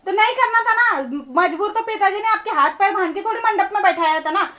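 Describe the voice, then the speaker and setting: A woman's voice: very high-pitched, brisk, pushed and bright. A woman playing a hurt young wife who argues and pleads with her husband in a family drama. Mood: indignant. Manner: pleading, emotional.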